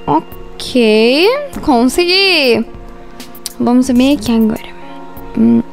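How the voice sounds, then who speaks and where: A young Brazilian woman with a Brazilian Portuguese accent giving excitable gameplay commentary, squealing and giggling when scared. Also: sits high, creaky. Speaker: gaming channel host.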